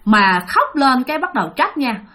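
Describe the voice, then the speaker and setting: A woman's voice: sits high, big pitch swings, normal speed, sharp tone. A woman telling a ghost story in a chatty way, talking straight to her listeners. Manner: chatty, addresses listeners directly, lots of fillers.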